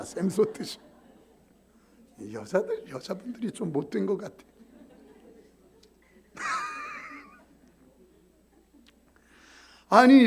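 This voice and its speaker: A middle-aged man preaches a sermon in a high, lively voice that swings widely in pitch. His tone is gravelly and husky. He jokes with the congregation and sometimes drops to a whisper. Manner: animated, joking with the congregation, then dropping to whispers. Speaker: pastor.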